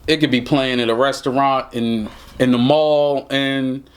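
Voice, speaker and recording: Male co-host and beat producer; relaxed, casual, short agreeable replies. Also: medium pitch, a little slow. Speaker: podcast co-host, music producer. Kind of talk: casual music review chat.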